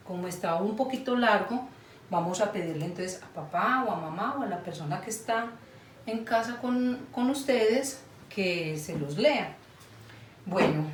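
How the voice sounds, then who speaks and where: A woman teaching a Bible lesson to small children, patient and checking that they follow along. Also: mid-range voice. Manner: slow, patient, asks children for agreement. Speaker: children's Sunday school teacher. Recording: echoey room, far from mic, faint noise.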